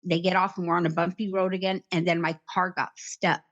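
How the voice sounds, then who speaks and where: A middle-aged woman recounting her past in an interview, in a plain, halting way with many "like" fillers. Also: fairly low pitch, little pitch movement, a bit bright, muffled recording. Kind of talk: personal account in conversation.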